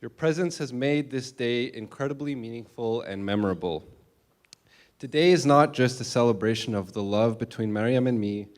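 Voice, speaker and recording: A man's voice: mid-range voice, darkish tone. A man, the groom, delivering a sincere prepared thank-you speech at his wedding reception. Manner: sincere, earnest.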